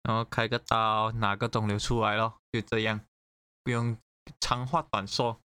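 A man casually telling an animated story in conversation, swearing freely. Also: lowish voice, normal speed, clean tone. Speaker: guest sharing a story. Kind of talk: casual chat.

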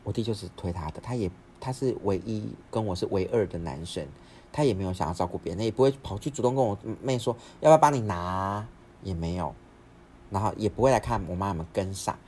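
A young man, hosting a podcast and telling a story in a rapid, rambling way with frequent restarts. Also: fairly low pitch, dark tone, slight background noise. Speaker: podcast host. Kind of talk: casual storytelling.

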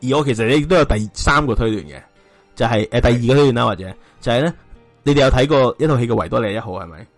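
A man's voice: medium pitch, racing, no room sound, soft background music. A man with a Hong Kong Cantonese accent hosting a casual true-crime discussion, speculating colloquially and throwing out rhetorical questions. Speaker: podcast host.

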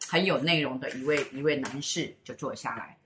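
Middle-aged woman, low voice, rambling storyteller, fillers and repeats, roomy echo. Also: brisk, background noise. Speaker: co-host and spiritual teacher. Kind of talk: casual storytelling chat.

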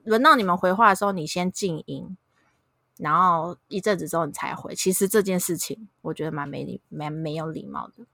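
A woman, co-hosting a casual chat and telling animated stories with frequent laughter. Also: fairly low pitch, gravelly, no echo, studio quality. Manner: animated storyteller, laughs often. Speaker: podcast co-host.

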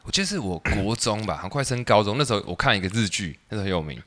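A young man with a Taiwanese Mandarin accent tells a story at a rapid clip. His pitch leaps around as he acts out what others said, and his tone is bright and forceful. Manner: animated, quotes others in acted voices, frequent restarts. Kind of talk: casual storytelling chat.

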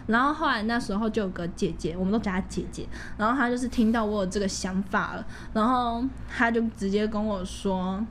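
A woman's voice: mid-range voice, slight background noise. A woman in her twenties with a Taiwanese accent, co-hosting a podcast and telling anecdotes in a playful, casual way. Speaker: podcast co-host.

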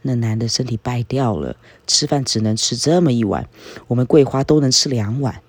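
A man's voice: mid-range voice, expressive, moderate pace, breathy edge, no echo. Man doing a shrewd older village mother, gossipy, confiding, read-aloud story, dry sound.

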